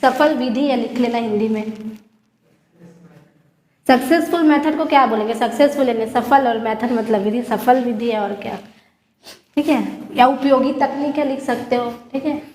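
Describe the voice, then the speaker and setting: A woman teaching a class, explaining step by step and checking often that her students follow, dictating some lines slowly. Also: a little high, a little mellow, reverberant, long reverb tail, a little hiss or hum. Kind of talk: classroom lecture.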